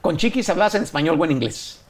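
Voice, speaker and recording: Middle-aged male host, slightly high voice, loose joking delivery, desk mic, office set. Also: fast talker. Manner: relaxed, joking, slangy. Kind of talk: casual interview. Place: office studio. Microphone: desk mic on stand.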